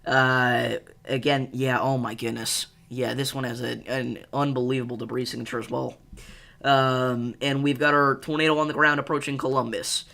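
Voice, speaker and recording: A man hosting live severe weather coverage, speaking with urgent, emphatic and repeated pleas in a halting, distressed delivery. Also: mid-range voice, level tone, creaky, pushed and bright. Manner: urgent, emphatic, repetitive pleading warnings. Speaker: live storm coverage host.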